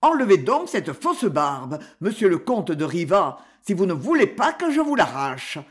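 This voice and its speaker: A shrewd, commanding detective from an old crime story, read by the narrator of the audiobook. He speaks slowly and deliberately, with a lively rise and fall, and he leans hard on key words. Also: mid-range voice.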